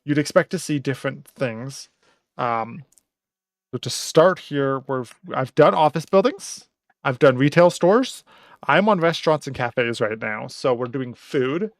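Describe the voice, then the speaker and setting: A man's voice: mid-range voice, lively intonation, a little slow, no room sound. Man thinking aloud on stream, dry close sound. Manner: thinks aloud while working. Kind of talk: casual stream narration.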